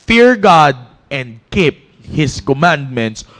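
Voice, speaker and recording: Brief: man, youth preacher, high voice, animated and joking, church sermon. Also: extremely slow. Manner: animated, joking storyteller who breaks into laughter. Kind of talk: casual Taglish sermon to young people.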